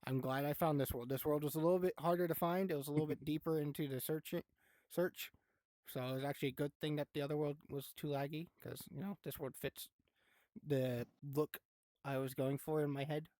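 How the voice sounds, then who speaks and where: A relaxed game master guides the players through a tabletop session in a loose, chatty manner and laughs easily. The voice sits at a middle pitch and sounds close and dry, with no room around it. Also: brisk, dry recording. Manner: laid-back, chatty, laughs often, swears. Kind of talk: running a tabletop game live.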